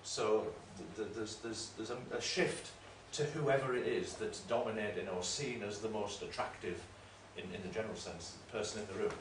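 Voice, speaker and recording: A man's voice: fairly low pitch, normal speed, few pauses. Male lecturer in a roomy, distant recording. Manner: discursive, explanatory, self-correcting. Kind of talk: academic lecture. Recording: roomy room, mic at a distance, faint noise.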